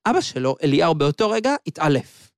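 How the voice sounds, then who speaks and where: A man preaching an impassioned sermon, telling a story and slowing down on quoted scripture. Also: a little high, very animated, dry recording, studio quality. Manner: impassioned, slows down on quoted verses.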